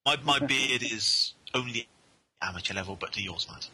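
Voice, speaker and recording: A man with a raspy voice and a cough, chatting casually as a dry, correcting podcast co-host. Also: mid-range voice, normal speed, bright, forceful tone. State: has a cough. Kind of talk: casual chat.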